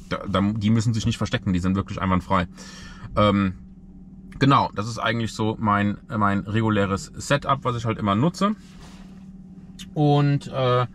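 A man in his thirties talking casually to the camera from the driver's seat of his car, relaxed and full of fillers. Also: on the low side, slight background noise. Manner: chatty, relaxed, many fillers. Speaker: vlogger. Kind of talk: casual vlog talk to camera. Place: inside a car, driving then parked. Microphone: camera mounted on the dashboard.

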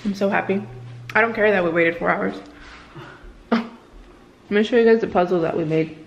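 A woman chatting excitedly in a casual vlog, saying things like "dude" and "like," first in a car and then at home. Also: medium pitch, normal speed, vocal fry, lo-fi sound, a little hiss or hum. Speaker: vlogger. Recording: roomy with faint background ambience.

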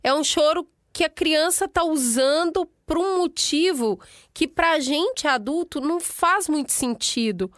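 A woman's voice: high-pitched, a little slow, hardly any pauses, a bit bright, dry recording, clean studio sound. A woman hosting a podcast who asks plain questions. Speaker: podcast host. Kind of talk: casual podcast conversation.

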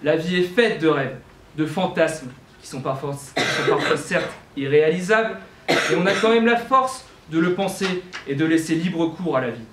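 A young man gives a speech in a student eloquence contest, declaiming with rhetorical questions and small self-corrections. His voice is a little high, fairly bright, and moderately paced. The university lecture hall sounds roomy, with faint ambience and slight background noise.

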